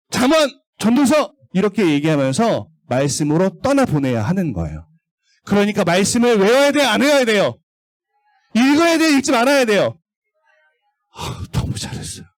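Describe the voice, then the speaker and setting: A man preaching to small children in a high, bouncy voice that leaps all over the scale. He keeps asking questions and has the kids read with him. The sound is close and dry, with no room echo. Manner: animated, asks the children questions and has them read along. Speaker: children's pastor. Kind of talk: children's sermon. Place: church service for young children.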